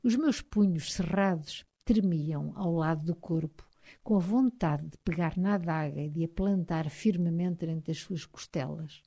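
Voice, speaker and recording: A woman with a European Portuguese accent narrating a novel in measured tones, sometimes dropping to a hush. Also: lowish voice. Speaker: audiobook narrator.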